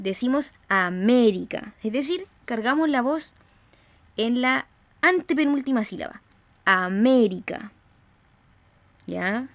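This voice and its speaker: A woman teacher with a Chilean accent giving a recorded grammar lesson, slowly stressing syllables and often checking in with her students. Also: on the high side, no echo. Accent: Chilean Spanish. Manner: slow, emphatic stressing of syllables, frequent "¿cierto?" checks.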